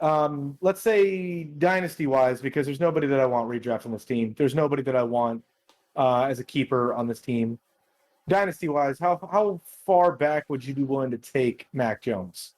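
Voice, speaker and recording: Blunt, opinionated man with a higher voice. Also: a little mellow. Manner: blunt, opinionated, repeats words. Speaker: podcast co-host. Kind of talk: casual fantasy football chat.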